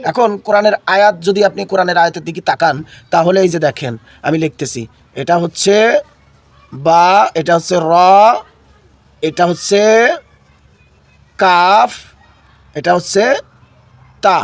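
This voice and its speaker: With long pauses and an unhurried pace, a high-voiced man who is unwell and coughing teaches Quran reading. The lesson works by call and response, with listeners echoing the key words he repeats.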